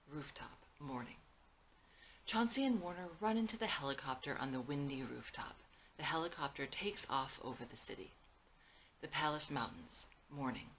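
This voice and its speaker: A screenwriter reads her own film script aloud in a scripted style, calling out scene headings and action lines. Her voice is low, bright, and crisp-edged, and the low-quality recording carries faint background noise.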